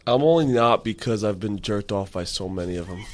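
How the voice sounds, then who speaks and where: A man talking in casual, rambling banter as a co-host, drawing out his stories. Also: on the low side. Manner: rambling, drawn-out storytelling.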